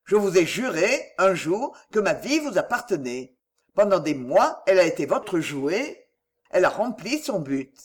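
A woman's voice: lowish voice, very animated, unhurried, husky, exaggerated voice. A woman reading as a cold, proud nobleman. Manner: cold, curt, bitterly ironic. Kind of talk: audiobook character reading.

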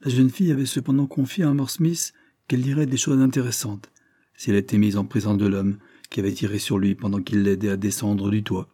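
Male narrator, measured, dark mellow tone, dry booth. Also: lowish voice, steady tone, husky, no room sound. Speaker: audiobook narrator. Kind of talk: scripted narration.

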